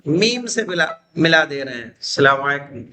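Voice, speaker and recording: A man whose first language is Urdu, teaching an Arabic grammar class, reading Arabic phrases slowly and translating them, with frequent check questions to students. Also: on the high side, very animated, pushed and bright, low-quality recording. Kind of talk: classroom lesson.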